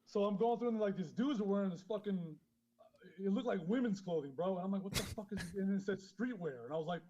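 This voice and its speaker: Fast-talking stoned man on a lo-fi call. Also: sits high, mellow. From born in Honduras, grew up in Queens, New York. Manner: rambling, heavy swearing, frequent laughs. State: high. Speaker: guest caller, clothing brand founder. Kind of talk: casual podcast chat. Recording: dull lo-fi phone call.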